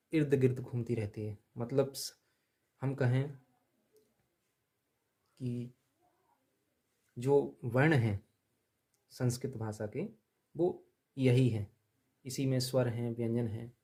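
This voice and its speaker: A male teacher in the middle of a blackboard grammar lesson. He talks at an unhurried, deliberate pace in a soft, mellow tone. He drills each letter aloud and repeats it so students can follow. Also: mid-range voice.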